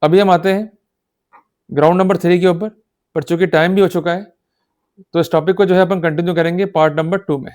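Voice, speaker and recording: A law lecturer with a high, steady, slightly mellow voice talks briskly but pauses often. His explanatory lecture mixes Hindi with English legal terms, and he is emphatic and exhortative, frequently checking that listeners are following.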